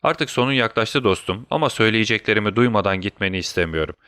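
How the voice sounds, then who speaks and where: A man's voice: fairly low pitch, fast talker, pushed and bright, clean tone, dry recording, studio quality. A man voicing a scheming, mocking villain doctor in a storybook reading, gloating and taunting.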